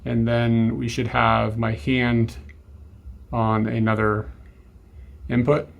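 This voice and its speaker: A man talking casually and haltingly, unscripted, as a streamer setting up and chatting with viewers. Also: medium pitch, completely flat delivery, vocal fry. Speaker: livestream host.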